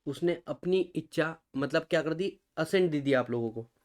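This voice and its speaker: A man's voice: fairly high pitch, normal speed. A man with an Indian accent teaching law, who keeps asking his students rhetorical questions and answers them himself. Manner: mixes Hindi and English, addresses students as guys. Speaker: law lecturer. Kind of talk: recorded exam-prep lecture.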